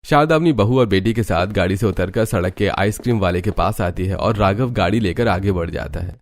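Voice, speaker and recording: Male narrator, low pitch, steady scripted story reading. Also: fairly quick, no echo. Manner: even, storytelling.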